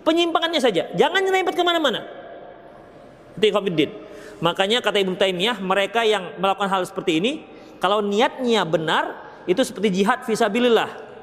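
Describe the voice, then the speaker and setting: A man giving a religious lecture, answering questions in a lively, joking way. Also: high-pitched, brisk. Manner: lively, joking, reads audience questions aloud. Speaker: Islamic preacher answering questions. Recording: long reverb of a lecture hall.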